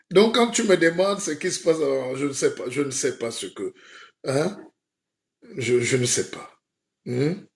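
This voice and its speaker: Playful man in a mock sermon. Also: a little high. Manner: playful, rhetorical, keeps asking "hein?". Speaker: comedic self-styled spiritual guide. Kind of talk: mock sermon on a live stream.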